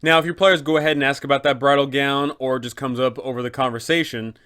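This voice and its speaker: Fast and forceful, a man with a medium-pitched, bright, clean voice and a steady tone hosts a casual explainer aimed at tabletop game masters. As a GM giving advice, he talks conversationally and uses rhetorical questions.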